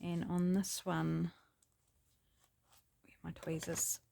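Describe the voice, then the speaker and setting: Taking it slowly, a New Zealand woman with a lowish, gravelly, scratchy voice chats casually over a craft project. The craft channel host sounds relaxed and chatty, thinking out loud as she works.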